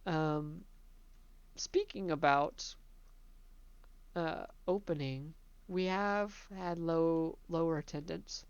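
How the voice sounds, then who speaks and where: A woman casually narrating a tour of her own theme park, chatty and relaxed, laughing between remarks. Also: low-pitched, slow pace, pauses often, clear, resonant tone, dry recording, highs cut off.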